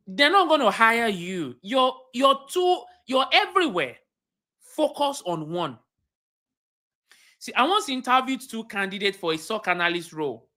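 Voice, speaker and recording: A woman with a Nigerian accent, her voice on the high side, pushed and bright, coaches viewers on cybersecurity careers during a livestream teaching talk. She speaks emphatically, repeats her key points and puts questions to her audience.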